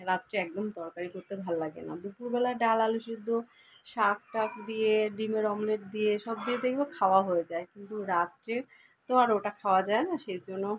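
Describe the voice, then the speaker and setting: A woman's voice: mid-range voice, dull audio, a little hiss or hum. A middle-aged woman chatting casually to her viewers while cooking at home, filmed on her phone, now and then breaking off to coax her dog. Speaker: home vlogger. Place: room at home. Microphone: phone camera.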